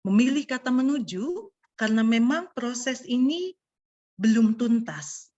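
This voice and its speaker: A woman who cannot roll her r, so it sounds soft and unclear, presenting interactively as a guest speaker to an online audience. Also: on the high side, expressive, measured pace. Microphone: video call. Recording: dull lo-fi online call audio.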